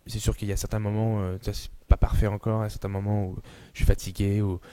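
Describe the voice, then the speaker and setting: A man answers interview questions in a loose, slangy way. His voice sits low and sounds mellow. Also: level tone, quick pace, no room sound. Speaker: actor.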